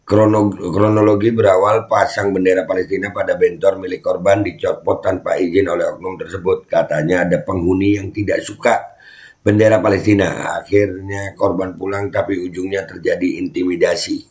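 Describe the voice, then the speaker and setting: A man's voice: low voice, little pitch movement, moderate pace, darkish tone. A man giving casual video commentary, scolding and repeating his points. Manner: scolding, repetitive, chatty. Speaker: online commentator.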